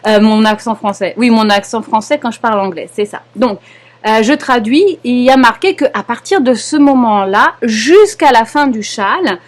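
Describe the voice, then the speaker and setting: A young adult woman with a French accent, patiently explaining a knitting lesson step by step, often pausing and checking in with her students. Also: a little high, lively intonation. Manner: patient, explanatory, frequent hesitations and checks "d'accord?". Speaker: knitting teacher. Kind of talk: live online knitting lesson.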